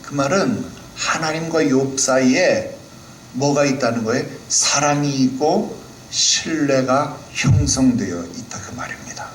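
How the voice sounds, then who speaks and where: A man's voice: medium pitch, unhurried, a little hiss or hum. Playful man preaching in an echoey hall. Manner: playful, animated, asks the congregation questions. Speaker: pastor. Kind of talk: Sunday sermon. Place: church hall.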